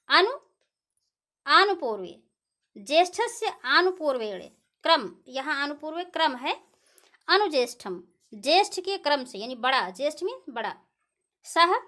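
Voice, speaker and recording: A woman teaching Sanskrit grammar in a lesson, patiently repeating each example slowly. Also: high voice, pushed and bright. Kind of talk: classroom-style lesson explaining grammar.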